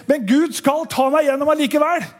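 Very high-voiced man preaching a testimony. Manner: animated, emphatic, folksy, sometimes shouting. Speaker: lay preacher giving a testimony. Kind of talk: testimony sermon to a congregation. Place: church meeting hall.

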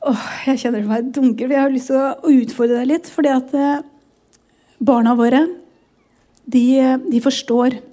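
A woman's voice: high-pitched, fairly even intonation, dark tone. A woman in her forties, a pastor's wife, sharing a personal testimony in a sermon, emotional and often close to tears.

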